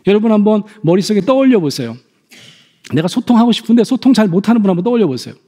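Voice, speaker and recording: A middle-aged man giving a stage lecture to an audience, animated, acting out parents and children in quoted voices. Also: high-pitched, racing, big-room sound.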